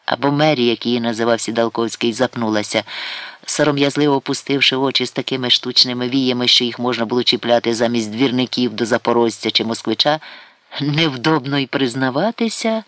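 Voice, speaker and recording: A man's voice: mid-range voice, level tone, fast talker, pushed and bright, clear, resonant tone, no room sound. Dry, wry male audiobook narrator. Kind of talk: audiobook reading of satirical prose.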